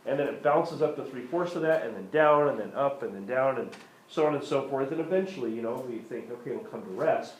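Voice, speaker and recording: Recorded on a tablet screencast mic, a man's classroom lecture screencast has him guiding students through a math problem, checking in and asking them questions. Slightly hoarse and coughing now and then, he speaks briskly and expressively at medium pitch, with a little hiss or hum.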